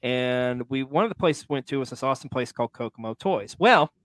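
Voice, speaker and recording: A man's voice: medium pitch, expressive, fairly quick, a bit bright, no room sound. A man co-hosting a casual wrestling podcast, talking upbeat to viewers about a giveaway. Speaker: podcast co-host. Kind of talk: casual chat.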